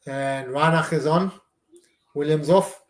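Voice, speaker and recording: A man's voice: on the high side, slow, reverberant. A man hosting a live stream, giving casual running commentary on a match and reacting to each play.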